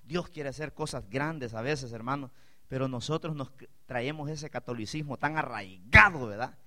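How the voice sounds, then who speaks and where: A male pastor preaching a sermon, moving from chatty asides with the congregation to impassioned, loud exclamations. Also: medium pitch, moderate pace.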